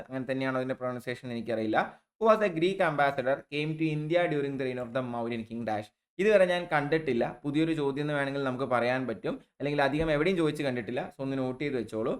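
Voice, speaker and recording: A male exam coaching teacher with a Malayali accent, giving a recorded online lesson. He talks in a chatty, informal way, keeps asking his own rhetorical "what do we do?" prompts and calls his students children. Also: mid-range voice.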